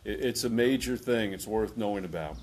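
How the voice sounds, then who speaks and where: A man from New York with a fairly low voice talks through his time as a visiting pastor. He is earnest and measured, with hesitant fillers, in a relaxed interview. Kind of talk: casual interview talk.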